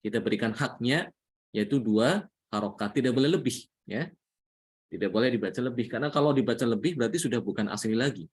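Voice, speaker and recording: A man's voice: mid-range voice, fast, breathy edge. A man with an Indonesian accent teaching a Quran recitation lesson, patiently repeating each point and often adding "ya". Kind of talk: religious lesson.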